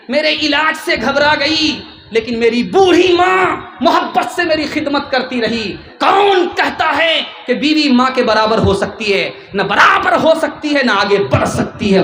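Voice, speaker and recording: A man preaching a sermon with passion, now and then rising into shouts. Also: very high-pitched, reverberant, slight background noise. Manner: impassioned, rising to shouts and sung verses.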